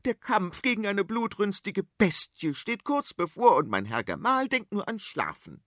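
A man voicing a shrill, bossy, dramatic queen in a storybook. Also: very animated, normal speed, a bit bright, dry recording, studio quality. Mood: indignant. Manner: shrieking, scolding.

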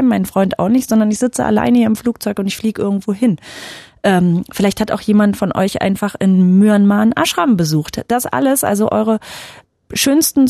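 Playful radio host lady, bit of vocal fry, dry close studio sound. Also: mid-range voice, mellow, dry recording. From Saxony-Anhalt, Germany. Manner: playful, joking, drawn-out hesitations. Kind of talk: casual late-night radio chat.

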